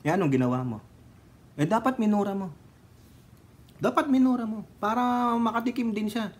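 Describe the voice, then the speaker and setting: A man from the Philippines giving casual, blunt, mocking commentary on the news, quick to laugh. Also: sits high. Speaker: online commentator.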